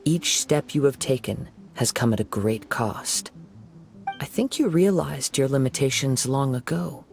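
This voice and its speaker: Giving a video game's young wandering samurai a calm, perceptive character, this actor speaks in an even, soothing manner. The male voice is medium in pitch and creaky.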